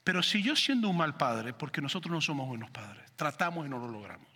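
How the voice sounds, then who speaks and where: A man preaching a sermon in church, telling a personal story with animated delivery and asking the congregation questions. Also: a little high, a little fast, breathy edge, big-room sound. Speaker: pastor.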